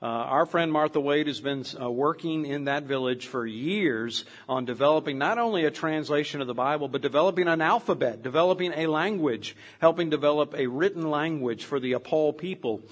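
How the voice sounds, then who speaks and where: An older pastor delivers a sermon in a loose, conversational style, wandering into stories as he goes. His voice is a touch higher than most men's. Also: a little fast, few pauses. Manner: rambling, with many fillers and restarts; storytelling, conversational.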